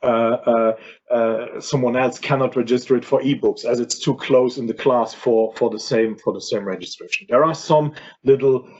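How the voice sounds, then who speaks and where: Hoarse male workshop presenter, halting delivery, dull lo-fi sound. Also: medium pitch, fairly even intonation, a little mellow. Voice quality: husky. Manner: hesitant, many fillers and restarts. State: hoarse, losing his voice. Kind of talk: explanatory workshop talk. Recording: dull lo-fi audio.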